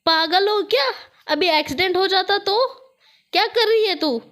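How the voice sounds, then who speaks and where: A woman's voice: medium pitch, measured pace, a little mellow, close to an everyday voice. A woman voicing a bossy, protective young woman in a storybook drama. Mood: yelling. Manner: teasing, commanding.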